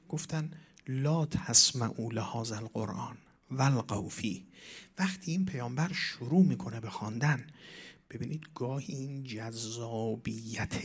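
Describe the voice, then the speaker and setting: A man giving a religious lecture as a preacher, reciting Arabic verses and Persian verse, with dramatic swings between soft and loud. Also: mid-range voice.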